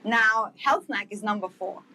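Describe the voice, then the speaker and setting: A woman's voice: medium pitch, a little slow, pushed and bright, a little hiss or hum, rough recording. A woman from Estonia, a guest telling her story eagerly in a casual interview, with many fillers. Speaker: guest, wellness entrepreneur.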